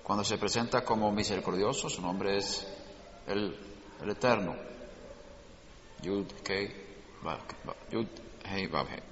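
Speaking a little slowly with long pauses, a man teaches a Torah class, explaining points and asking rhetorical questions of his students. His voice is on the low side and a bit bright, heard in a dull lo-fi recording with slight hiss or hum in an echoey hall.

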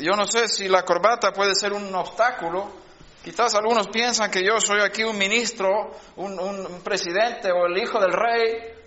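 A man preaching with a high, bright-pitched voice, teaching patiently and often restarting his sentences before pressing into fervent calls. His sermon sounds roomy and reverberant, and the lo-fi recording dulls it. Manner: teaching and explaining words, with frequent restarts, building to fervent exhortation.

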